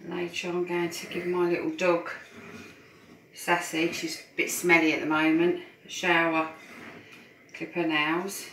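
A woman's voice: on the low side, little pitch movement, measured pace, fairly bright tone, distant mic, a little hiss or hum. A middle-aged woman giving a casual, encouraging cooking demonstration in her home kitchen while she mixes batter. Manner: chatty, encouraging, talks while whisking. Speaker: support worker cooking host. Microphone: phone camera at a distance. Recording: echoey kitchen, voice from off-mic. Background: clinking bowls and utensils.

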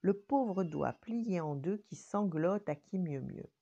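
A woman's voice: fairly low pitch, slow pace, dull audio. Older grandmother telling a bedtime story. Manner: gentle, expressive storytelling.

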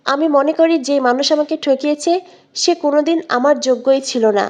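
A hurt, restrained young woman, voiced by a woman narrator answers in quiet, subdued, clipped lines. The voice stays high but softer and lower in volume than the surrounding narration. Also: normal speed, close to an everyday voice.

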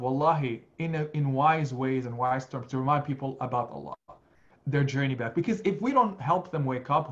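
A man in his forties, an imam leading an online study circle from his home, earnest and gently instructive, mixing in Arabic phrases. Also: mid-range voice, dull audio. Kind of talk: online Quran study session. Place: home study with lamp and bookshelf. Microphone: video call webcam.

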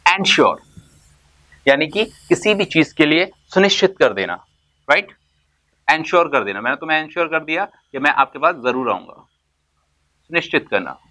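Recorded with poor audio, the man speaks a little high, with a sharp tone and big swings in pitch. He's teaching elementary English terms classroom-style, mixing Hindi with English words and answering his own questions. Slow, drawn-out words carry his emphasis.

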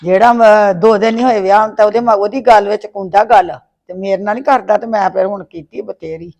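Actress as a gravelly, aggrieved mother-in-law in a web drama; complaining, prickly. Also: mid-range voice, fairly even intonation, quick pace, a little mellow, lightly acted. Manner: complaining, indignant. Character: sharp-tongued older mother-in-law, quick to take offence. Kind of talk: family web-drama acting.

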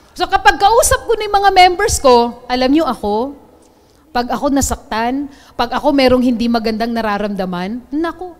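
A woman giving a lively, joking motivational training talk to a live audience. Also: sits high. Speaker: training speaker.

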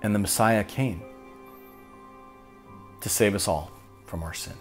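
Slow, deep-voiced male pastor. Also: faint music behind. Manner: slow, solemn and deliberate, with long pauses. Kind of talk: sermon.

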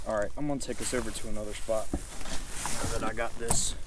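A man's voice: fairly low pitch, little pitch movement, a little fast, very noisy. A man chatting casually from a fishing boat, driving it and giving short, laid-back, encouraging replies. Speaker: fishing guide and boat driver. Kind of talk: casual chat while fishing. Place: small boat on open water outdoors.

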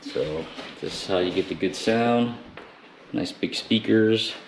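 An installer hosting a job-site vlog gives an informal, off-the-cuff walkthrough of a large open living room with a high ceiling, filmed indoors on a handheld camera. He speaks slowly in a fairly low voice. The camera audio is clearly noisy, with clicks.

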